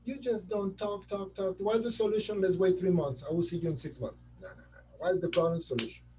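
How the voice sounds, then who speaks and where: A man's voice: sits high, brisk. Colombian man speaking English on a distant call mic. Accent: Colombian Spanish. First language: Spanish. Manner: animated, repeats words while searching for them. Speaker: transplant surgeon guest. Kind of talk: webinar interview.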